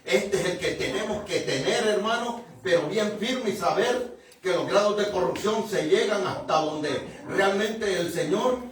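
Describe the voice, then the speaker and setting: A male pastor preaching a conversational Bible sermon, often chuckling, addressing the congregation and rising to sudden shouts for emphasis. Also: sits high, unhurried, distant mic. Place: church sanctuary. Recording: very echoey room, mic from afar.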